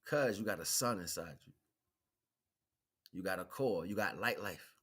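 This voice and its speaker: Husky, low and expressive, this man's fairly bright voice moves at a moderate pace as he hosts a livestream. He's a spiritual teacher delivering an off-the-cuff talk in everyday language, repeating phrases for emphasis and posing rhetorical questions to check in.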